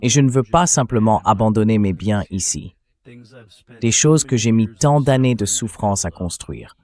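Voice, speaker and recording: A man in his thirties speaking in a measured, earnest way as a community vice-president in a dubbed interview voice-over. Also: fairly low pitch, expressive, warm tone. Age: 30s.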